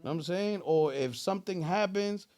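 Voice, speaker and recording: A man's voice: high voice, normal speed, darkish tone. New Jersey man, emphatic street-slang interview talk. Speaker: rapper being interviewed.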